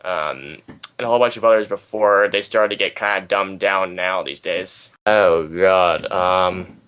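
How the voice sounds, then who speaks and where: A man's voice: deep voice, a little slow, fairly bright tone, smooth. A young man from the United States, a guest in a casual interview, rambling with many ums and eager bursts of enthusiasm.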